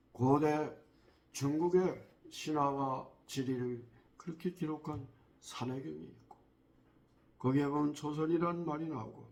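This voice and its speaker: A man giving a spoken history lecture in a measured way, often pausing on drawn-out fillers and asking the listeners rhetorical questions. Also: fairly high pitch.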